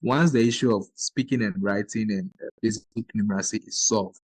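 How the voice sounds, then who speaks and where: On this roughly recorded podcast, a man from Ghana speaks in a fairly low, brisk voice with no room sound. As host, he explains his points in an earnest, explanatory manner and drops in brief agreements while the other person talks.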